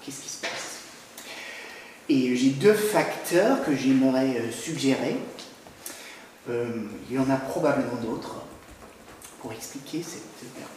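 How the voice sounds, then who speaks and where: A man giving an academic talk on language history, hesitant with frequent pauses and fillers. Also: mid-range voice, a little mellow, heavy reverb, distant mic, a little hiss or hum, low-quality recording. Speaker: lecturer.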